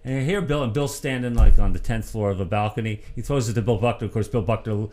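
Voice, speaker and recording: A man's voice: fairly low pitch, quick pace, a little mellow. Rambling male sports show host. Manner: rambling storyteller, acts out quotes. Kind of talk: casual sports chat.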